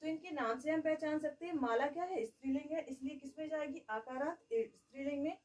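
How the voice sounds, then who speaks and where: High-voiced woman teaching a grammar lesson. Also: a little fast, far from the mic, rough recording. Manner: asks the class questions and answers them herself; says "okay" often.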